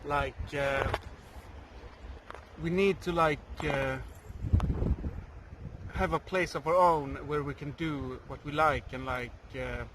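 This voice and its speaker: Male, slightly high voice, halting and repetitive casual speech, clear street noise outdoors. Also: fairly even intonation. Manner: halting, groping for words, repeats himself. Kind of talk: casual chat. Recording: noisy outdoor recording, urban traffic.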